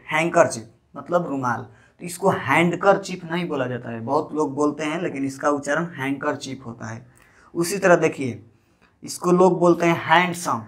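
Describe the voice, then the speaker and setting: A man, speaking a little high for a man, talks viewers through an English spelling lesson. He goes over each rule more than once and spells words out letter by letter. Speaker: English teacher.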